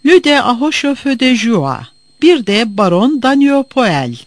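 A man's voice: very high voice, big pitch swings, unhurried, no room sound, pitched above the performer's own voice, full character voice. A man voicing a bitter, sullen young former student who answers in a defiant grumble.

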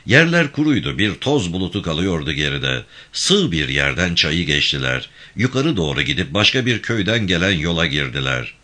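A man narrating a novel aloud in a measured, clear storytelling manner. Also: low voice, very animated, bright, forceful tone. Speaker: audiobook narrator.

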